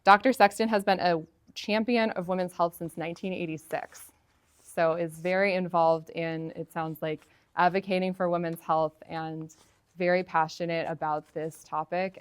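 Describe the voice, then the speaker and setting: A woman with a lowish voice hosts an event and introduces the speakers in a casual, informal way. She often pauses on fillers and corrects herself mid-sentence, and her voice comes through dry and close. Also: level tone, smooth, no echo. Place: conference room.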